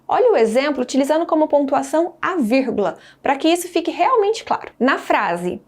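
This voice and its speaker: A woman teacher giving a scripted grammar lesson, speaking clearly and stressing her example sentences. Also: high-pitched, sing-song, fairly quick.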